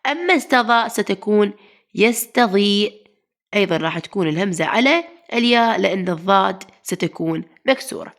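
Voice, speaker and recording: A woman's voice: mid-range voice, animated, fairly quick. A woman teacher with an Iraqi Arabic accent, a little unwell, explaining a grammar lesson and asking the class questions she then answers. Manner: asks the class then answers herself, calls pupils "mama".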